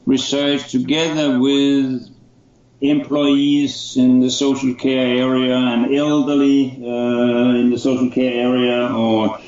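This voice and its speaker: A man's voice: medium pitch, flat delivery, slow pace, darkish tone. A middle-aged man, an associate professor speaking thoughtfully and hesitantly, with many fillers, in an interview over a video call. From Denmark. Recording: echoey, muffled call audio.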